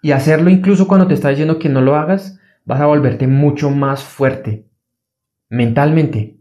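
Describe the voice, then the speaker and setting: A man speaks in an earnest self-help monologue, driving his points home through repetition. His voice sits a little higher than most men's yet sounds warm and mellow. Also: normal speed. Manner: earnest, repetitive, acts out a fearful inner voice in a higher pitch. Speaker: motivational speaker.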